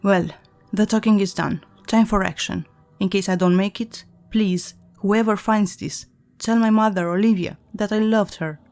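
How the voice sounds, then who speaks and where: A woman's voice: medium pitch, fairly even intonation, normal speed, a little mellow, soft background music, natural voice. A woman reading the part of a desperate man in his thirties, speaking urgently in the first person. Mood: determined.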